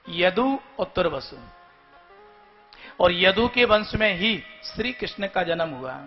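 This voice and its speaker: A man telling a scripture story at a live devotional gathering and calling out to his audience, in a dull lo-fi recording with faint music. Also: high-pitched.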